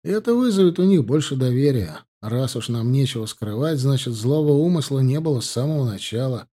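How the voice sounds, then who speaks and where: Brief: a man doing a young soldier, cool and composed, cutting words, mellow voice. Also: medium pitch, animated, fairly quick, lightly acted. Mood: reassuring. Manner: cold, composed, pointed.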